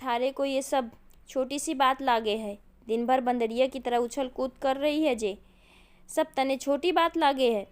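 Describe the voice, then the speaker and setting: A woman's voice: high voice, measured pace, clean tone. A woman voicing a stern older aunt, scolding. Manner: scolding, sharp and lecturing.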